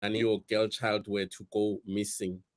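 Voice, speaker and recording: A man from South Africa speaking as a guest on a video call. His audio glitches and breaks up, and his speech comes out halting and fragmented. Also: lowish voice, little pitch movement, no echo.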